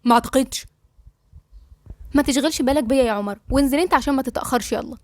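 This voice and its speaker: A woman's voice: high-pitched, rapid-fire, darkish tone, dry recording. A woman doing a cold, mocking young wife. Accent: Egyptian Arabic. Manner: curt and sarcastic.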